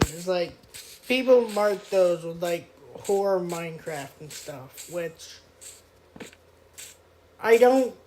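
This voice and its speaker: This is a young woman of eighteen chatting and rambling on a gaming stream, her voice sounding youthful and childlike. She uses plenty of fillers, clears her throat often, speaks at a medium pitch, and there's noise behind her.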